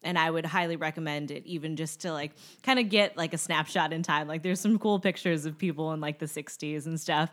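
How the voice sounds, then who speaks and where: A woman's voice: deep voice, a little fast, hardly any pauses. A young adult woman co-hosting a podcast in casual chat, talking easily with lots of fillers. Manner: chatty, many fillers, laughs easily. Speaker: podcast co-host.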